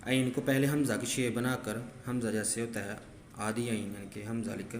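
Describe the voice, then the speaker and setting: In a handwriting lesson, a man shows students how to write letters, patiently walking through each stroke step by step and repeatedly saying "ठीक है." His mid-range voice is flat at a normal pace. The room is echoey, with faint background noise.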